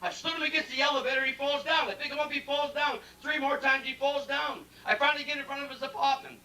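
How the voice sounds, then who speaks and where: Guy with a really high voice doing stand-up, brash and teasing the crowd, echoey lounge, mic far off. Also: flat delivery, pushed and bright. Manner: brash rapid-fire joke telling, teasing the crowd. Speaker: stand-up comedian. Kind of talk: stand-up comedy routine. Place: ship's cabaret lounge with live band. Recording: echoey lounge recording from far off with band music.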